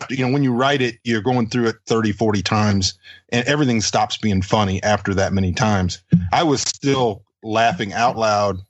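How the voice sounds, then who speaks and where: A man's voice: lowish voice, moderate pace, no echo. A man, a co-author guest on a remote call, tells stories in a teasing way and chuckles along. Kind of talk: casual remote interview chat.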